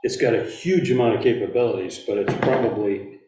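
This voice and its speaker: A man's voice: lowish voice, brisk, mellow. A man in a town meeting, rambling and self-deprecating, often restarting his sentences. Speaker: commission member. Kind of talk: casual meeting discussion. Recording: roomy, distant meeting mic.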